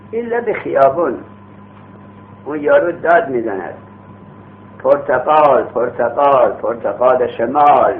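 A man lecturing on a grammar text in a lively, rising-and-falling voice. He asks questions and answers them himself, drawing on street examples. The sound is thin and phone-like, with a faint hum underneath. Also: mid-range voice. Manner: uses everyday street examples and acts out vendors calling. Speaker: teacher of Arabic grammar.

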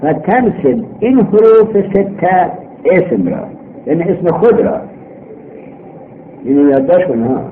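A man teaching a grammar lesson, reading a text aloud in drawn-out phrases, explaining it and asking his own questions, on an old worn tape. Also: on the high side, big pitch swings. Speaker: teacher in a religious seminary. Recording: old worn tape, muffled narrow band, faint noise.

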